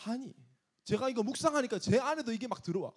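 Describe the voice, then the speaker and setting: A man's voice: very high voice, animated, quick pace, husky. A man preaching an emphatic sermon to young adults as pastor, scolding and asking rhetorical questions.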